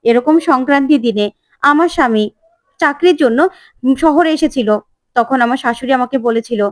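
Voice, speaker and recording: A woman's voice: sits high, normal speed, no echo, studio quality, close to an everyday voice. A woman voicing a stern elderly great-aunt who scolds and insists on old customs, in a soap-opera recap. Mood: scolding.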